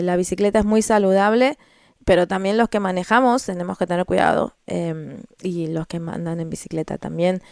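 A woman hosts a radio talk show and reads the local news. Her voice is smooth and clear. She halts often, filling gaps and restarting phrases. The sound is dry. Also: medium pitch, a little mellow, no echo. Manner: hesitant, many fillers and restarts. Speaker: radio host.

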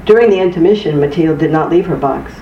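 A narrator reading a story aloud in a measured, even way. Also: medium pitch, slight background noise. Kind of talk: scripted audiobook narration. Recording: distant, roomy, dull-sounding recording.

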